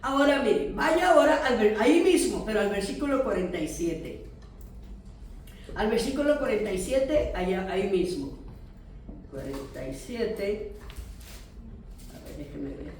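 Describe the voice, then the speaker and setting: A woman pastor with a Mexican accent, teaching a church class in a lively storytelling way and speaking straight to her listeners. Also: mid-range voice, a little slow, pauses often, slight background noise. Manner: animated storytelling, addressing listeners directly. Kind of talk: sermon-style teaching with testimony. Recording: very echoey room, distant mic.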